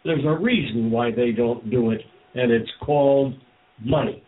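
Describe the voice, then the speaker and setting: A man's voice: mid-range voice, unhurried. Older guy ranting blunt and salty, sounds phone-like. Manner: blunt, indignant, swears freely. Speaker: guest. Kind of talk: casual chat.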